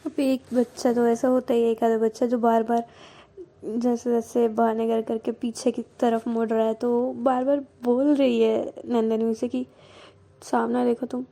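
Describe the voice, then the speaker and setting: A woman's voice: a little high, level tone, normal speed, mellow. A woman narrating a romance story in a casual, chatty way, explaining scenes as she goes.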